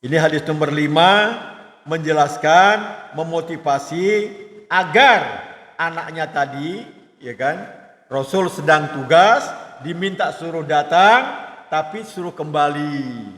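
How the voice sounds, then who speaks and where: Echoey high-voiced male Islamic teacher. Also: takes it slowly, a bit bright. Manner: explains Arabic hadith phrase by phrase with frequent "ya kan" asides. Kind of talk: religious study lecture. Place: mosque hall. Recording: echoey hall, long reverb.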